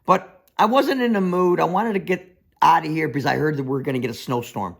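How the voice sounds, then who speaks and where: A man's voice: on the high side, brisk, gravelly. A man who works as a foundation contractor, telling a story in a reality-show confessional as an exasperated ranter who acts out other people's voices.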